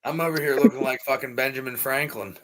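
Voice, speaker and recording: A man in his early twenties chatting casually, relaxed and swearing freely. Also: medium pitch, fast, crowd noise. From Pennsylvania. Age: 20s. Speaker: chat participant. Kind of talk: casual chat.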